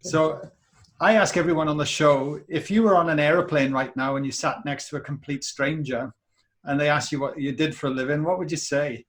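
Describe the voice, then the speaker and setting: A man's voice: a little high, fairly quick. A man hosting a podcast, enthusiastic and casual, often repeating words as he starts his sentences. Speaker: podcast host. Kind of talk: podcast interview.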